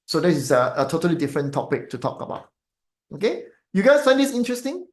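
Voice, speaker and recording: Talking fast with big pitch swings, this slightly high-voiced Malaysian feng shui teacher rambles through a casual live stream. The room is echoey, and his Malaysian-accented English is peppered with fillers and tag questions.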